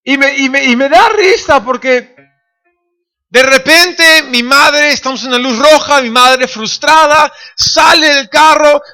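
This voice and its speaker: A man in his thirties preaches in a church with a very high, bright, ringing voice. He tells stories and acts out the people in them, jumping up to shouts at the climaxes, with soft music behind him. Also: slow. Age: 30s. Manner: storytelling, acting out family voices, shouting at high points. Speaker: pastor. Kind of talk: sermon. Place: church sanctuary.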